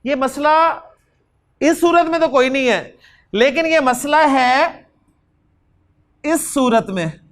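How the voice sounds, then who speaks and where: Male Arabic teacher with a very high voice who lectures patiently and drills students with questions. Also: expressive. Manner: slow, repeats examples, drills students with questions. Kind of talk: classroom lecture.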